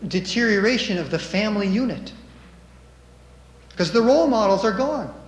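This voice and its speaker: Slow, high-voiced preacher in an echoey room. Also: male voice. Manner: measured, emphatic delivery with dramatic rises. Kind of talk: sermon with scripture reading.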